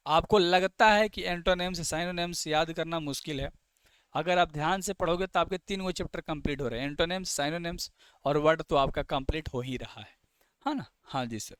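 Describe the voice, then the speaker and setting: A man's voice: on the high side, moderate pace, a bit bright, clear, resonant tone, no room sound, studio quality. A man teaching exam vocabulary. He keeps asking questions and answers them himself, and he spells words out letter by letter. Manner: plays the student's reply as "sir, ...". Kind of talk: vocabulary lesson for exam students.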